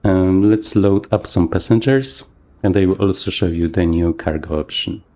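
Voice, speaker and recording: A man casually talking through a flight simulator session, thinking aloud with plenty of fillers, his voice a little rough from the morning. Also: low-pitched, moderate pace, warm tone. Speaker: flight sim video host. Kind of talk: casual gameplay commentary.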